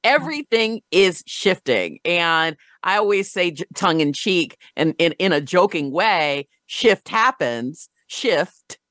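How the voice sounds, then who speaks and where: Lower-pitched radio host woman. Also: lively intonation, measured pace, few pauses, a bit bright, dry recording, clean studio sound. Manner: earnest, repeats words while thinking. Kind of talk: radio interview chat.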